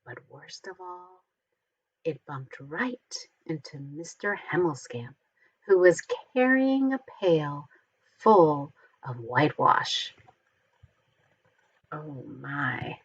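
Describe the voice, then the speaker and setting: Reading a children's story, a woman with a lowish, husky voice is expressive and deliberate, taking her time over each phrase and enunciating for young listeners. The recording sounds a little dull and has no room sound.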